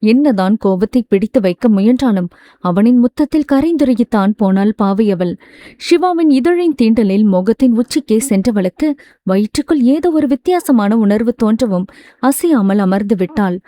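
A woman reading a romance novel aloud as a steady, smooth storyteller. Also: a little high, normal speed, no echo. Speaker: audiobook narrator. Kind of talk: scripted narration.

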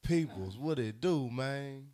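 A man's voice: mid-range voice, lively intonation, slow pace, mellow. A man hosting a casual podcast, joking and laughing often with his co-hosts. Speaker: podcast host.

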